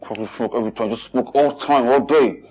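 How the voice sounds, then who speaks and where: A man's voice: mid-range voice, fast, darkish tone, slight background noise, lightly acted. An actor with a Nigerian accent playing an exasperated, broke young man in a film drama, blunt and sweary. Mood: shaken, angry. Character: exasperated, broke young man scolding his smoking companion. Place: small indoor room.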